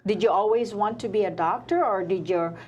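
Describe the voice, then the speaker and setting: A woman hosting a talk show, speaking hesitantly with frequent pauses as she interviews a guest. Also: medium pitch, dull audio, a little hiss or hum. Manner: hesitant, many uh fillers, warm praise. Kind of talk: casual interview.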